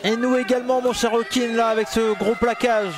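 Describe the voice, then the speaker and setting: High-pitched, exclamatory male wrestling commentator. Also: level tone, brisk. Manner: exclamatory, repeats words for emphasis. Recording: music and crowd noise behind. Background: music and wrestling crowd.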